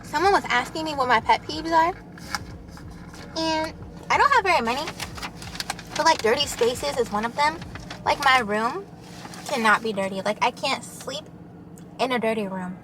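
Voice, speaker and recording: Young woman, high-pitched, casual filler-heavy chat, eating on camera, faint noise behind. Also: normal speed, long pauses. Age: young adult. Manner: casual, chatty, lots of fillers. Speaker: vlogger.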